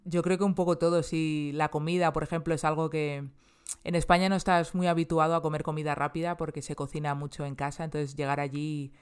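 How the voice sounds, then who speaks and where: A woman in her thirties from Spain chats casually as an interview guest, her Spanish accent clear as she restarts sentences often and uses fillers. Her voice sits low with little pitch movement, brisk and clean in tone.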